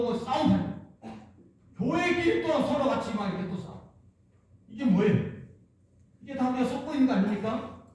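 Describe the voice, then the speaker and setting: This Korean pastor from Jeolla has an extremely high voice, with slight background noise. He gives an emphatic, repetitive sermon full of rhetorical questions, captured by a distant mic in an echoing church hall.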